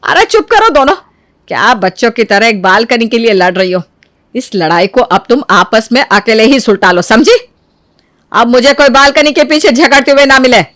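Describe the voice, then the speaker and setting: A woman's voice: fairly high pitch, moderate pace, a bit bright, dry recording, studio quality, natural voice. A woman voicing a stern, bossy mother-in-law who orders the household around in a family storybook. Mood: scolding. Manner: scolding, bossy. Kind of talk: storybook character acting.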